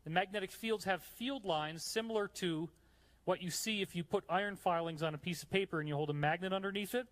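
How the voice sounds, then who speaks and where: A man's voice: high-pitched, fairly quick, fairly bright tone. A man from New York giving a live lecture with slides in a hot room, explaining eagerly and chatting to the audience between points. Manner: enthusiastic, chatty asides to the audience. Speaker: conference speaker.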